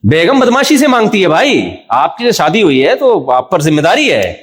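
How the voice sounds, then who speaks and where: A man's voice: high voice, sing-song, slightly rough. A man giving a religious lecture in a jovial, teasing way, with mock-voiced examples. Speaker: Islamic preacher. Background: audience laughter.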